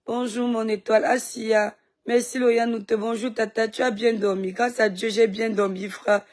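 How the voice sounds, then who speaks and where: A woman's voice: a little high, little pitch movement, normal speed, darkish tone. A woman from Cameroon chatting on a phone live stream, greeting viewers by name and talking back at critics, with a sore throat.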